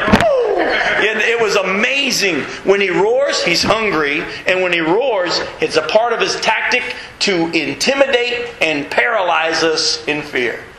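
A middle-aged man preaching a sermon as pastor, animated and reading scripture aloud to his congregation. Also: sits high, roomy sound, background noise. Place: church sanctuary with congregation.

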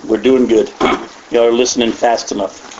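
A man from the United States teaching the Bible in a conversational way, animated and folksy, with frequent asides and repeated words. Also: medium pitch, moderate pace, slight background noise. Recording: echoey, dull lo-fi room sound.

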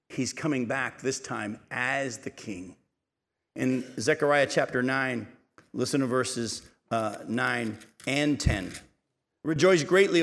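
A man preaches a sermon in a slightly high voice, reading verses aloud and stopping to ask his listeners questions. His delivery builds in intensity, and a long reverb hangs behind him as if he stands in a large sanctuary. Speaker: pastor.

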